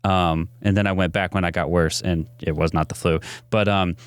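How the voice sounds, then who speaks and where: A man co-hosting a podcast, telling stories in a casual, chatty way and getting animated when amused. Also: low-pitched, normal speed, smooth, no echo, studio quality. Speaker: podcast co-host. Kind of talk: casual chat.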